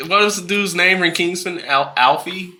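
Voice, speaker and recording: A man's voice: high voice, moderate pace, sharp tone. A man co-hosting a casual comedy podcast, joking crudely and laughing often. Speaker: podcast co-host.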